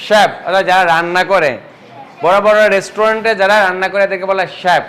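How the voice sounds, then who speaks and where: A man's voice: high-pitched, steady tone, fast talker, fairly bright tone, a little hiss or hum, poor audio. A man teaching an English pronunciation lesson, who asks his class questions and answers them himself.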